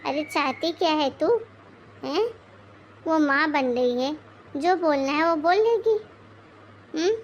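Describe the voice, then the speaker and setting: A woman voicing a bossy, sarcastic mother-in-law in her forties in an animated moral story, scolding and mocking. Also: sits high, slow, long pauses, dull audio. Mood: angry.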